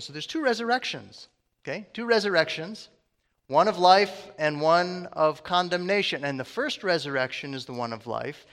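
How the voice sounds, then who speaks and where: Man preaching, slightly high voice, long hall echo, conversational, quizzes the congregation. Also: fairly bright tone. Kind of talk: sermon.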